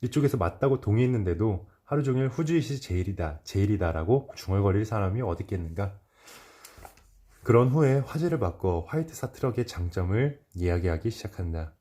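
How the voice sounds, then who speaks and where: A man calmly reading a self-help book aloud, measured, with occasional slips that he corrects. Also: lowish voice. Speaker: reader.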